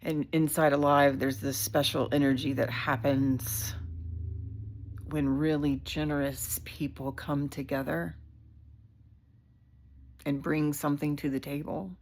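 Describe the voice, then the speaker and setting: A woman's voice: sits low, little pitch movement, a little slow, creaky, pauses often, a little mellow. A woman hosting a casual live video, speaking in a heartfelt, candid way with frequent fillers and the odd swear word. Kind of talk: casual livestream talk.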